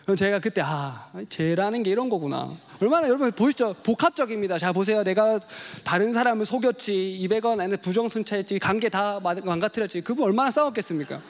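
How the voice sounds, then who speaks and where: A man preaching a sermon to his congregation, telling a childhood story in an animated way and acting out voices. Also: high voice. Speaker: pastor.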